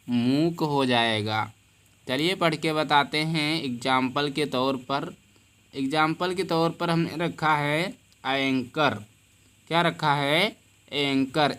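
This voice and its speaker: A man's voice: on the high side, fairly bright tone, clear, resonant tone. A man teaching a lesson on English words, asking the class questions and answering them himself. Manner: repeats key words slowly and deliberately. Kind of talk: classroom lesson explaining word rules.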